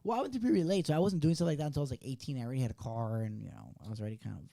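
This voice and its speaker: A man's voice: mid-range voice, animated, racing, creaky, mellow, no room sound. A man in his late twenties co-hosting a podcast, telling rambling, profane, slang-filled stories in casual chat. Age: late 20s. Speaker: podcast co-host.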